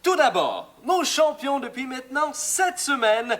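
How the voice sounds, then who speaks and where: A man's voice: very high-pitched, big pitch swings, unhurried, fairly bright tone, heavily acted. A man playing a chipper male TV game show host with a Québécois accent, in a comedy sketch parody, with a bouncy, exaggerated showman delivery.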